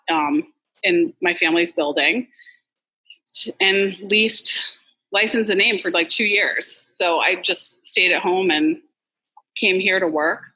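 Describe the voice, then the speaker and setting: A woman's voice: on the low side, bright, forceful tone, slightly rough, poor audio. A woman from Massachusetts, a restaurant co-owner, talking candidly in a casual interview with lots of "like" and "you know". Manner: chatty, candid, fillers like "like" and "you know", swears.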